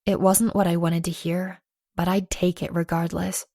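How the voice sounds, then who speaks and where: Brief: woman narrator, lowish voice, dry close studio sound, playful first-person romance read. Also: little pitch movement, normal speed, a little mellow, no echo. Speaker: audiobook narrator.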